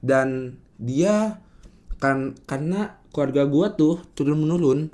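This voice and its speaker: A man's voice: on the high side, slow pace, dark tone. Young Jakarta man with a lisped R. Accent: Jakarta Indonesian. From Indonesia, Jakarta. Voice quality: lisped R, cannot roll it. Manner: slangy, hesitant, rambling. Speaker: podcast guest. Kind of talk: casual storytelling.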